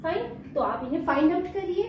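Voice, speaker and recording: Woman phonics teacher, high voice, slow repetitive drilling, echoey room, distant mic. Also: lively intonation, a little hiss or hum. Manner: slow, drilling sounds and words repeatedly, addresses student as beta. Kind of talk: online phonics lesson.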